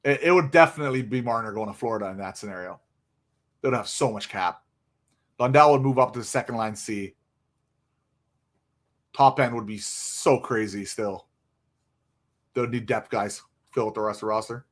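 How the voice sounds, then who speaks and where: Young man, livestream host, rambling casual chat, sleepy, mid pitch. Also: moderate pace, long pauses. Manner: rambling, filler-heavy, chatty. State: sleepy, yawning. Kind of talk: casual live stream chat.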